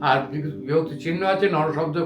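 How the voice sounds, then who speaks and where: A man with a high voice gives a patient classroom grammar lesson and drills word forms slowly, one at a time. His voice echoes around the room. Faint music plays underneath. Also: fairly even intonation. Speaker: Sanskrit teacher.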